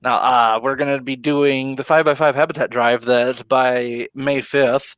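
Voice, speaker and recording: A man co-hosting a casual live stream, relaxed and laughing easily, with plenty of ums. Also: mid-range voice, measured pace, clean tone, no room sound. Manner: laid-back, laughs often, many ums. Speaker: co-host of a live ocean talk stream.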